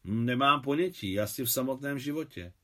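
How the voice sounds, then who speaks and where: A hesitant middle-aged woman, as a male narrator reads her, speaking with uncertainty and a faint wry edge. Her voice sits just a little higher than his own narrating voice, in a storybook reading. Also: expressive, pushed and bright. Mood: unsure.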